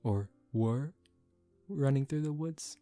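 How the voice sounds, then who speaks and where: A man voices a composed young aristocratic vampire in a soft-spoken ASMR roleplay, sounding calm, formal and gently commanding, protective yet secretive. His medium-pitched voice is slow, gentle and reassuring. There's no room sound, just faint music behind him.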